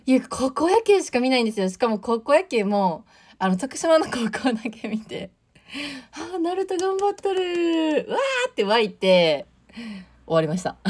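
A young woman from Tokushima, still in her teens, talks in a relaxed Kansai accent with a hint of Awa dialect. She chats on a livestream in a bubbly way and reads out viewer comments. Her voice sits at an ordinary middle pitch for a woman. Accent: Kansai Japanese with Awa dialect touches. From Tokushima, Japan. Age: late teens. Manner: chatty and bubbly, often laughing. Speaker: idol audition livestreamer. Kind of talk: casual livestream chat reading viewer comments.

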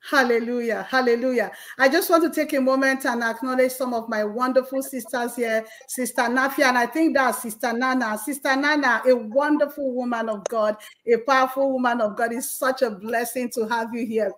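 A woman's voice: fairly high pitch, fairly even intonation, a little fast, few pauses, fairly bright tone. A woman hosting a faith talk show, sharing an emotional, fervent testimony and calling out praise. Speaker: host. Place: Canada.

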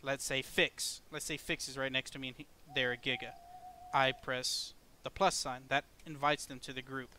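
Bright-voiced man explaining a game. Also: mid-range voice, little pitch movement, moderate pace, slight background noise. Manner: explains step by step, laid-back and profane. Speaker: gaming video host. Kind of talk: casual gameplay commentary.

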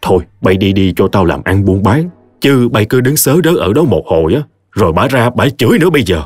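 A man voicing a gentle, kindly older tea-seller man who speaks mildly and soothingly. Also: lowish voice, animated, fairly quick, breathy edge, dry recording, faint music behind. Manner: mild, soothing.

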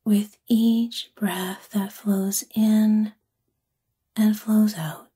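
This sleep meditation is led by a woman whose whispery, breathy voice sounds gentle and calming, much like ASMR. She speaks in a mid-range voice with fairly even intonation, taking her time over each phrase.

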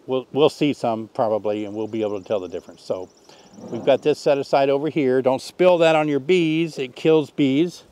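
Older male beekeeping teacher, folksy, thinks aloud, mid-pitched, outdoor demo with bees buzzing. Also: moderate pace. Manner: relaxed, folksy, thinks aloud while working. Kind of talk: hands-on outdoor demonstration. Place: outdoors in an orchard beside beehives.

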